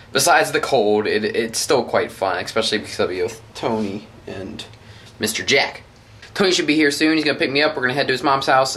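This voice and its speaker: A man's voice: medium pitch, a bit bright. A young man vlogging casually outdoors in winter, rambling and joking with a laugh never far off, recorded on a handheld camera. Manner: jokey, rambling, laughs easily. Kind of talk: casual vlog chat. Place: outdoors in snowy winter weather and by a car.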